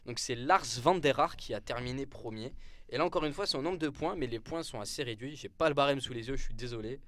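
A man's voice: mid-range voice, fast talker, a bit bright, no room sound. Hesitant young man presenting sport. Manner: hesitant, lots of fillers and restarts, self-mocking. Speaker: sports columnist on a club show. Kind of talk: casual live radio chat.

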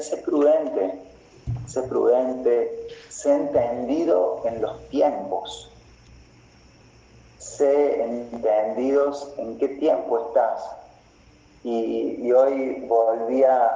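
A man preaching a sermon as pastor, slow and deliberate, repeating phrases for emphasis. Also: lowish voice, warm tone. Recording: roomy, slightly dull recording.

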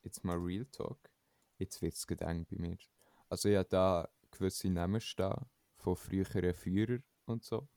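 A young man speaks in a very low voice. He talks casually and a little hesitantly as a podcast co-host. The sound is dry and close. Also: fairly even intonation, moderate pace, mellow, no room sound. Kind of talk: casual chat.

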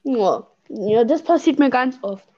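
A woman's voice: a little high, animated, a little slow, dull audio. A young woman hosting a casual podcast chat, teasing and exclaiming in slangy talk. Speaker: podcast host. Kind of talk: casual chat while gaming.

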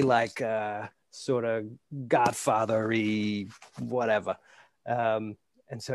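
A man's voice: mid-range voice, no echo. A man, telling casual stories as a guest and hesitating with many fillers. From New York, USA. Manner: rambling, anecdotal, hesitant with fillers. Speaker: amateur baseball pitcher, guest. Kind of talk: casual interview storytelling. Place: flat in Scotland.

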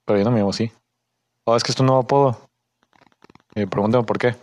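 A young man with a Mexican accent, chatting on a podcast and telling a story from his job. He slips into raised, lively voices when he quotes coworkers. The sound is dry and close, with no room echo. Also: medium pitch, fast talker. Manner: animated, acts out coworkers' lines in raised voices; uses Mexican slang. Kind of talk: casual storytelling chat.

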